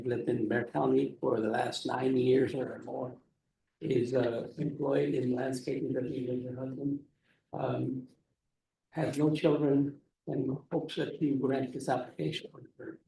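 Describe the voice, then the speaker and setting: A male defense attorney on a courtroom recording, giving short, deferential answers to the bench. His voice is gravelly and dark, picked up from across a roomy courtroom with a faint hiss underneath. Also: medium pitch, level tone, measured pace, far from the mic.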